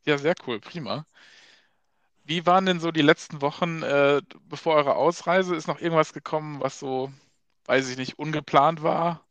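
Gravelly young man hosting a podcast. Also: a little high, normal speed, dry recording, lo-fi sound. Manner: relaxed, filler-heavy questions. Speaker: podcast host. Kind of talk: casual podcast chat.

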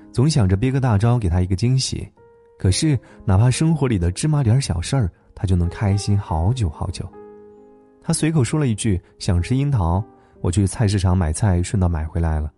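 A man hosting a late-night story program, narrating a gentle tale in a calm, tender way. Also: sits low. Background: soft instrumental music.

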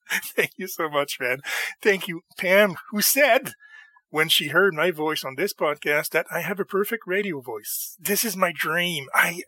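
A middle-aged man with a slight lisp talks straight to his listeners in an earnest podcast monologue. His voice is fairly high and forceful, with a dry, close sound. He stops to correct himself and chuckles at his own slips. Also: measured pace, no room sound. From Montreal, Canada. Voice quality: slight lisp from new dentures. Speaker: podcast host. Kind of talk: casual personal monologue.

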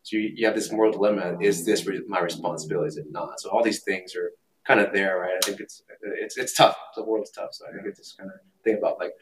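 Fast-talking chatty man, distant mic. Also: deep voice, steady tone, a little hiss or hum. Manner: chatty, rambling with repeated starts. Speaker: podcast co-host. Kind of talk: casual chat.

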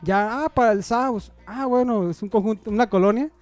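A man's voice: high-pitched, normal speed, darkish tone, faint music behind. A young Mexican man with a Mexican Spanish accent, telling a rambling personal anecdote in casual chat, full of slang and fillers.

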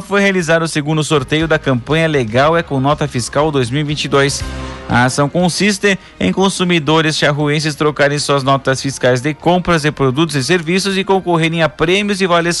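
A man reads scripted local news as a presenter, in a formal announcer's delivery with measured phrasing. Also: a little high, a bit bright.

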